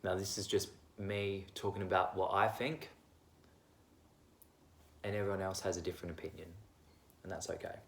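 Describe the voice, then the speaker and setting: A man's voice: low voice, steady tone, normal speed, creaky, long pauses. A young man vlogging at home, giving his candid opinions in a rambling, self-deprecating way. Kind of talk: casual opinion monologue.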